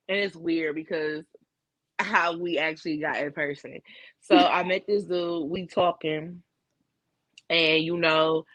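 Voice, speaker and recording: A woman's voice: sits low, a bit bright, no echo, muffled recording. Woman co-host, casual chat, candid profane storytelling, dry close sound.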